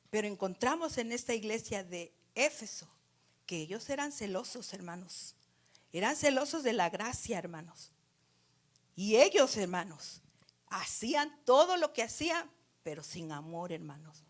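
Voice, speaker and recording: A woman preaching a sermon, calling her listeners brothers again and again and swinging from soft near-whispers to loud, emphatic lines. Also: medium pitch. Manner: repetitive address to the congregation as brothers.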